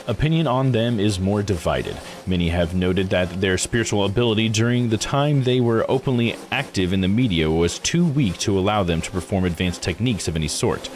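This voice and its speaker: Against music and a noisy background, a low-pitched man streams a visual novel. He reads the game's text aloud and throws in casual commentary of his own.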